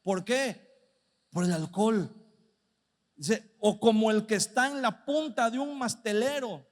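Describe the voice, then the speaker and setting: Man preaching, very high voice, drawn-out reverb of a church hall, asks rhetorical questions, slows down for the verses. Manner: slows right down when reading Bible verses. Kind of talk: sermon.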